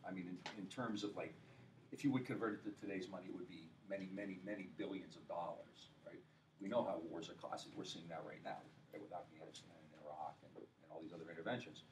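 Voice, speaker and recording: A male history professor lectures a class, his voice low and deep. He talks loosely, with fillers, asides and rhetorical questions to the room. The mic sits well away from him and picks up a faint hiss. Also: distant mic. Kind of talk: university lecture. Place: lecture hall.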